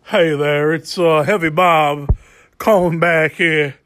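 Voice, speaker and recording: A man's voice: a little high, fairly even intonation, takes it slowly, a bit bright, slight background noise. Hesitant man leaving a voicemail. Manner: hesitant, stammering with fillers. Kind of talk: leaving a voicemail calling back.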